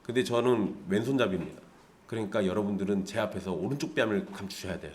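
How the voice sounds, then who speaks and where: A man's voice: lowish voice, fast, a little hiss or hum. A male pastor giving a conversational Sunday sermon, asking the congregation rhetorical questions and explaining scripture.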